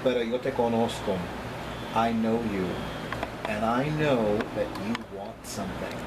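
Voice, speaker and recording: There's a lot of noise around this middle-aged vlogger, a psychic reader speaking casually to camera from a small apartment room beside the kitchen. His voice sits on the low side, and he talks deliberately and emphatically, often repeating himself.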